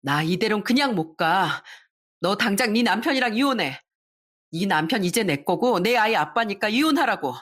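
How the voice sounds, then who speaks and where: A woman's voice: medium pitch, expressive, moderate pace, fairly bright tone. A woman voicing a brazen young mistress who taunts and makes demands, in story narration. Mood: taunting.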